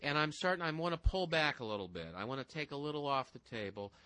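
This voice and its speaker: A man co-hosting a casual financial talk show, rattling through stock figures in a brisk, folksy way. His voice is bright and forceful. The sound is dry and close-miked. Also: on the high side, animated, dry recording, poor audio. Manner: brisk, folksy, numbers-heavy, addresses listeners directly. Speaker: stock-picking co-host.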